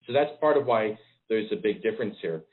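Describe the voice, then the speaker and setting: A man, a public health official giving a briefing over a conference call phone line, measured and pausing with frequent ums. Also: on the low side, expressive. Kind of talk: press briefing.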